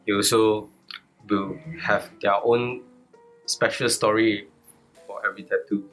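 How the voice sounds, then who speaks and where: Male podcast guest, lowish voice, clipped Singlish-style grammar, light music behind. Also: little pitch movement, unhurried, a bit bright, low-quality recording. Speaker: guest tattoo artist. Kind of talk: casual podcast chat.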